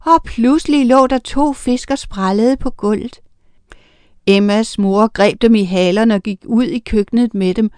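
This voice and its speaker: A woman narrating a children's storybook in a lively, expressive reading voice. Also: mid-range voice, clear, resonant tone, no echo.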